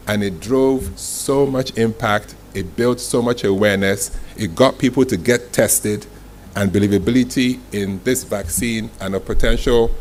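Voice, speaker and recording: A man with a mid-range, slightly mellow voice presents a motivational masterclass live, speaking as a communications executive. He tells stories emphatically in short, dramatic phrases punctuated by rhetorical questions. Noise in the live room recording is clear.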